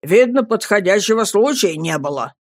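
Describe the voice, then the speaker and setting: A reader playing a wooden-legged school servant who parrots every word of his master in a flat, dutiful voice. The storybook sound is dry and close. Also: medium pitch, normal speed, dry recording, lightly acted.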